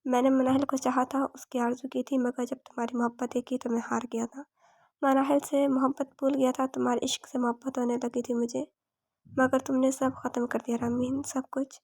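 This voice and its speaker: Narrator woman voicing bitter heartbroken young husband, storybook romance, high flat read. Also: fairly quick. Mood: bitter, sorrowful.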